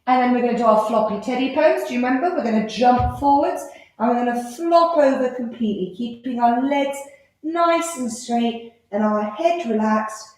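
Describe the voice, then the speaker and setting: Woman, kids yoga teacher, encouraging, fairly high voice, strong room echo. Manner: gentle, encouraging, playful instructions. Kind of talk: guiding a children's yoga class. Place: live class in an indoor room. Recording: very echoey room.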